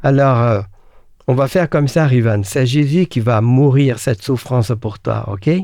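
A man teaching the Bible in a relaxed conversation. He speaks earnestly and asks rhetorical questions, with frequent fillers and restarts. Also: medium pitch, measured pace, no echo, studio quality.

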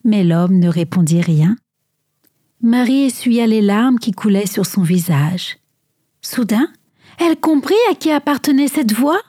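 A woman reading a story aloud in an animated, dramatic way, at times dropping to a whisper. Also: mid-range voice, unhurried, breathy edge, dry recording, studio quality.

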